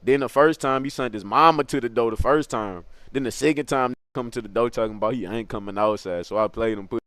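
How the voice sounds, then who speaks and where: A young man telling a funny story in a casual, animated, slangy way, acting out other people's lines in a high voice. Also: fairly quick, no echo, clean studio sound. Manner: animated slangy street storytelling, laughing, acts out quotes in a high voice.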